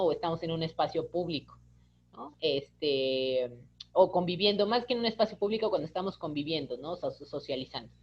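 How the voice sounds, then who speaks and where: A woman's voice: on the low side, dull audio. A woman teaching an online course, chatty and keeps checking in with the class. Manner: chatty, keeps asking "¿no?", acts out quoted dialogue. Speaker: course instructor. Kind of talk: online lecture.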